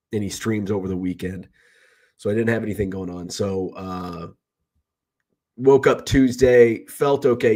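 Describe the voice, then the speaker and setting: A middle-aged baseball card seller who live streams chats casually in a vlog, rambling, self-correcting and talkative. He is sick with a cold, so his voice, on the low side with a darkish tone, sounds slightly rough.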